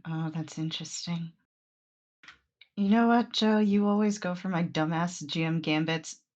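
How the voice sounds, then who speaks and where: A woman's voice: lowish voice, unhurried, darkish tone, highs cut off. A woman playing a tabletop game, narrating her character in a loose, casual way with some swearing. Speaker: player.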